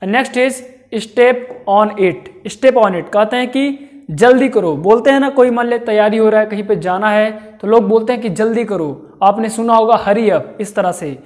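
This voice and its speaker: A man giving a spoken-English lesson who repeats himself and slowly draws out each example phrase. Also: high voice, a little mellow. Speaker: English teacher.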